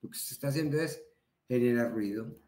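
A man's voice: medium pitch, brisk, darkish tone. A man with a Colombian accent giving a training talk in a conversational way, repeating words for emphasis. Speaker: instructor. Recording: roomy echo.

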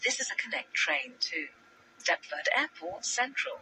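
A woman's voice as an automated onboard train announcer, her words spliced together from separate recordings into measured, clipped phrases. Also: lowish voice, sing-song, background noise.

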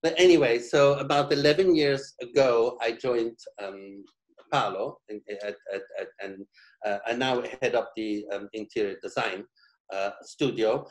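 A man's voice: mid-range voice, steady tone, a little slow, low-quality recording. Hesitant middle-aged man from Belgium. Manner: hesitant, many restarts and fillers. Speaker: interior design studio head. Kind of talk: casual interview answers. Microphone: video call from a home living room.

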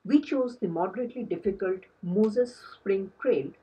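Woman, travel vlog voice-over, very breathy, husky, calm scripted narration. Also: mid-range voice, moderate pace, muffled recording. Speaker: travel vlogger.

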